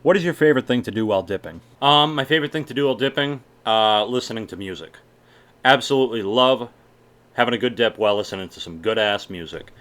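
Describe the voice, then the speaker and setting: This young adult man has a mid-range, slightly bright voice and speaks fast. He's from Massachusetts, carries a mild Boston accent blended with general American, and swears plenty while casually answering viewer questions in a Q&A vlog.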